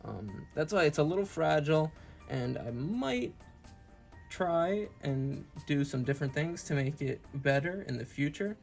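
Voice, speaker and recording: Still recovering from wisdom tooth removal, which affects his speech, this channel host reviews toys with casual earnestness and enthusiasm, often repeating himself. His creaky voice is on the high side and very animated, at a measured pace over soft background music.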